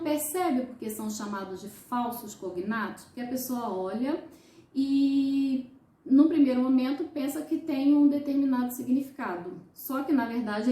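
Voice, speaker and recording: Brazilian woman teaching slowly, echoey room. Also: on the high side, mellow. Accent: Brazilian Portuguese. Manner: slow, deliberate, repeats each word for clarity. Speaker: Spanish teacher. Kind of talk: lesson.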